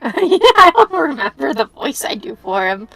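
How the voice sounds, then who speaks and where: A woman with a fairly high voice talks casually on a stream. She is scattered and giggly, half talking to herself. The sound is dry, with faint music behind her. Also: sing-song, moderate pace, vocal fry, pushed and bright, no echo. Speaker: streamer playing and voicing a game with friends. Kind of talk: casual chat.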